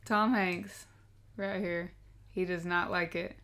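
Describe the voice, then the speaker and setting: A woman's voice: lowish voice, fairly even intonation, slow pace, a bit bright. A woman in her thirties chatting casually as co-host of a reaction show. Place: small room indoors. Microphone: desk microphone.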